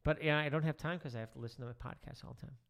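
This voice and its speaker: A man's voice: fairly high pitch, very fast, vocal fry. A middle-aged man, a teacher, chatting casually as a podcast guest with lots of fillers. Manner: relaxed, rambling with many fillers. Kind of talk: casual chat.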